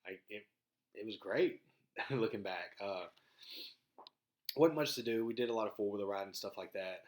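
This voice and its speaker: In a low-ish voice with a Southern accent, a vlog host from rural Mississippi in the southern United States addresses viewers. He keeps things casual and folksy, pausing haltingly in a laid-back way.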